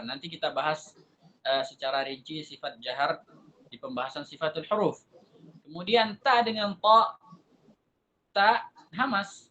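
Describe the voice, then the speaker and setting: Bright-voiced man teaching Quran recitation. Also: on the high side, highs cut off, slight background noise. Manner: demonstrates letter sounds by repeating syllables; explanatory, asks and answers his own questions. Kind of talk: tajwid lesson.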